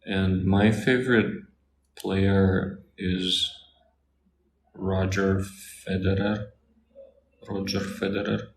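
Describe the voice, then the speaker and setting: A man from Russia, a native Russian speaker, working as a Russian tutor and calmly reading out and answering viewer questions. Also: low-pitched, vocal fry. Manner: calm, unhurried explanations. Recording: echoey room, faint noise.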